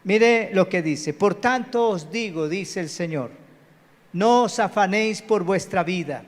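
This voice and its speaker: A man's voice: high voice, unhurried. A man preaching a sermon as pastor, emphatic, repeating phrases and calling for amens. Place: church hall. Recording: long hall reverb.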